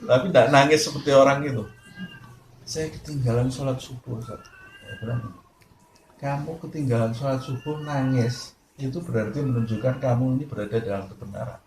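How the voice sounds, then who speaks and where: A man's voice: mid-range voice, brisk. A male Islamic preacher giving a sermon, telling stories and acting out the lines of the people in them. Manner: lively storytelling, acting out quoted dialogue. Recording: echoey room with faint noise.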